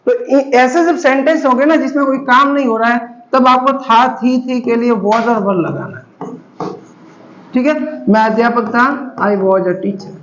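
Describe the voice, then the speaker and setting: A man with a very high voice teaches a grammar class. He explains patiently and goes over each example several times. The recording is dull and lo-fi, in an echoey room. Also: a little slow, fairly bright tone, a little hiss or hum. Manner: patient, repetitive explaining, addresses students as beta.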